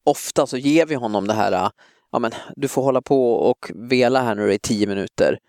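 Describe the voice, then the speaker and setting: A man chatting casually as a father, joking and mocking himself in a lively way. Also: medium pitch, clear, resonant tone, no echo, clean studio sound. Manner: jokey, self-mocking, lively. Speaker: father in a family chat. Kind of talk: casual chat.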